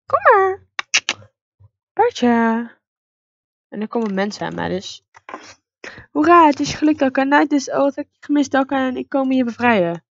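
An excitable woman commentates a horse-riding game and often calls out to her horse. Her voice sits a little high. The sound is dry and close, and the mic gives it a dull, lo-fi tone. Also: brisk, gravelly, no room sound. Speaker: let's play gamer. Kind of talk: casual game commentary, reading dialogue aloud.

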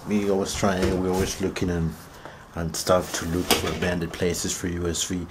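Heavy background noise surrounds this deep-voiced man as he explores an abandoned rural house, outdoors and then inside, holding the camera at arm's length. Speaking at a moderate pace in a casual vlog, he's excited and addresses his audience as "fams."

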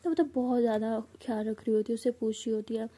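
A woman's voice: fairly high pitch, steady tone, quick pace, mellow, husky. A woman narrating a romance story in a casual, conversational retelling.

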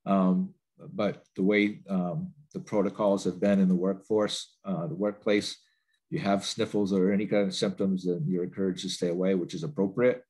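Presenting a training webinar over a laptop video call from his home office, a man with a slight cold talks loosely, restarting and filling often. His deep voice is level and moderately paced, a little mellow with a breathy edge.

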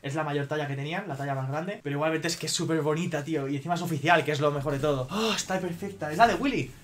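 A young man from Spain with a Spanish accent, excitedly unboxing on a video, exclaiming and swearing as he goes. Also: fairly high pitch, racing. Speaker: YouTuber.

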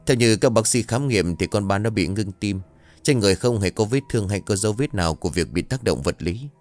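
A man voicing a calm village police chief delivering results in a measured, official tone. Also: lowish voice, soft background music, close to an everyday voice. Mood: matter-of-fact.

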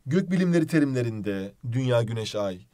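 A man teaching an exam-prep grammar lesson, brisk and emphatic, calling out example words in a raised voice. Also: mid-range voice, expressive, warm tone.

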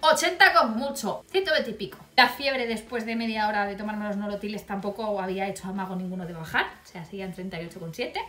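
A woman's voice: medium pitch, fast talker, few pauses, bright, forceful tone, reverberant. A woman, telling a storytime vlog tale in a blunt, wry and profane way. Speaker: vlogger.

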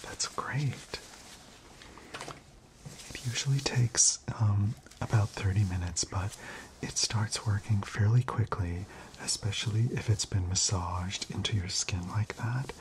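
A middle-aged man in a whispered role-play as a gentle, reassuring chemist, speaking in a soft, soothing spa whisper. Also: lowish voice, slow pace, slight background noise. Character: gentle, reassuring male chemist tending to a client. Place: indoor studio set.

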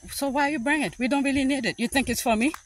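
A man's voice: very high-pitched, quick pace, background noise. A man narrating a family walk through a park in casual, chatty commentary, recorded on a handheld phone outdoors. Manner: chatty, narrates the surroundings while walking. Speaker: family vlogger.

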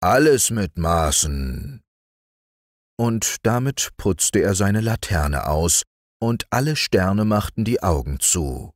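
A man narrating a fairy-tale audiobook in a calm, soothing bedtime reading voice. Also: lowish voice, takes it slowly, no room sound, studio quality. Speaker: storyteller.

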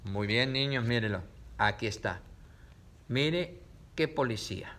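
A man teaches children to read, sounding out each word slowly and repeating it. His bright, lively voice leaps up and down in pitch as he coaxes them along. He speaks to a camera set up in front of him. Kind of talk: slow, syllable-by-syllable reading lesson.

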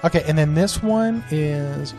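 A man's voice: on the high side, a little slow, loud music behind the voice. A middle-aged man chatting casually with his child while unboxing toys, upbeat and full of fillers. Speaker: parent co-host unboxing toys. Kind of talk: casual family toy unboxing.

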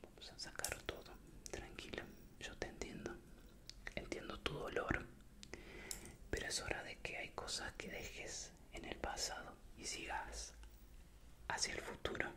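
A young man with a Latin American voseo accent delivers a whispered pep talk for ASMR. His voice stays in a breathy, unvoiced whisper, close to the mic. He repeats words soothingly and keeps an encouraging manner. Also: measured pace, pauses often. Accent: Latin American Spanish with voseo. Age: young adult. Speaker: ASMR creator. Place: small indoor room with bare wall. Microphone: desk microphone up close.

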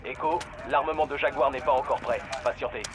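A man's voice: medium pitch, fairly even intonation, a little fast, heavy background noise. An actor playing a male gunship crew member who calls in strikes over the radio in clipped, procedural military calls. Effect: radio transmission. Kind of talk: video game dub. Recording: echoey radio voice over loud gunfire.

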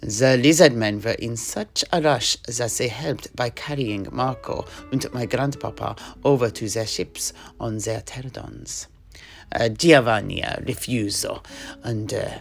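A gravelly man with a lowish voice tells a family tale as a storyteller guest in an audio drama, speaking at a measured pace. His relaxed, rambling storytelling is packed with fillers, and faint music plays behind him.

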